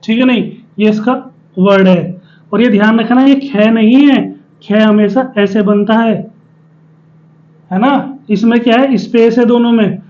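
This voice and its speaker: A man's voice: high-pitched, unhurried, darkish tone, lo-fi sound. A man teaching a spelling lesson, explaining step by step and often asking questions and answering them himself. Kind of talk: spoken Hindi spelling lesson at a board.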